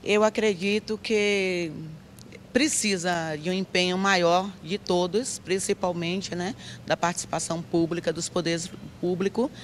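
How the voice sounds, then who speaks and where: A woman from the interior of Bahia, Brazil, raised in Salvador, gives spontaneous personal testimony in a street interview on a small stage in an outdoor public square. She is a community leader and church president with a Bahian accent, speaking in a lowish, steady voice at a measured pace. The outdoor TV recording carries street ambience and slight background noise.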